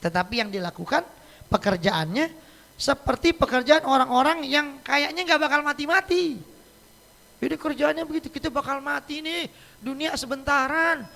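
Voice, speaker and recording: A man's voice: extremely high pitch, gravelly, sharp tone. A man giving a casual, joking sermon as an Islamic teacher in a mosque, often laughing as he talks. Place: mosque hall. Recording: echoey mosque hall.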